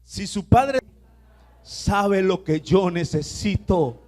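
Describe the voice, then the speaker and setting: A male pastor preaching a sermon, leading the congregation in repeating phrases and moving between soft asides and loud declarations. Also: sits high, lively intonation, takes it slowly. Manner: exhorting, has the congregation repeat phrases aloud. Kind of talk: sermon with call-and-response.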